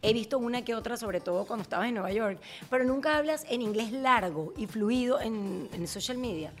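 A woman's voice: on the high side, expressive, brisk. A woman hosting a podcast interview in a casual, playful and affectionate way. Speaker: podcast host.

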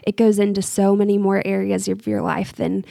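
A woman on a podcast, speaking in a measured, earnest way as she gives gentle advice in a reflective faith discussion. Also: medium pitch, little pitch movement, vocal fry, no room sound, clean studio sound. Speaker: podcast co-host, university staff.

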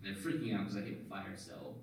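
A man's voice: low voice, steady tone, fast talker, recorded from a distance, a loud crowd. A man narrating a tabletop game as game master, chatty and loose, with lots of fillers and restarts. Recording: very echoey room, off-mic, faint hiss.

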